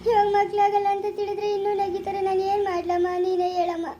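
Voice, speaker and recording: A woman's voice: very high voice, level tone, fast, mellow, a little hiss or hum. A woman with a rural Chikkaballapura Kannada accent playing a young wife who weeps and pleads because she cannot have children. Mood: pleading. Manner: wailing, pleading. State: crying. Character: young wife weeping over being childless.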